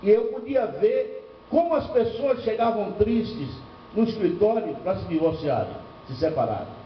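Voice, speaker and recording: At a church seminar, an older male pastor from Bahia in northeastern Brazil preaches in a high, lively voice at normal speed, telling anecdotes with humor and firing rhetorical questions at the room. The lo-fi recording sounds dull, taken from afar in an echoey church hall with faint background noise.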